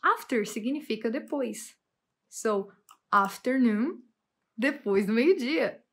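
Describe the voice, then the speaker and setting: Lady teaching english, upbeat and lively, kinda high voice. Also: slow pace. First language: Portuguese. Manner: lively, enthusiastic, switches between languages. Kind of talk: bilingual English lesson.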